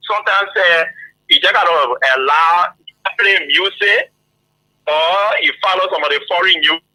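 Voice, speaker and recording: A man calling in to a radio show, lively and loose, laughing easily. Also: sits high, normal speed, no echo, poor audio. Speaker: caller. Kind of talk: phone-in chat.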